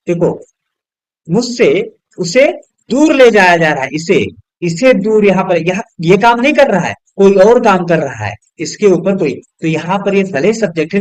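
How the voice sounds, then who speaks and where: A man's voice: high voice, no echo, low-quality recording. A man teaching an English grammar lesson in a classroom style. He asks his students questions and answers them himself, and he spells words out letter by letter.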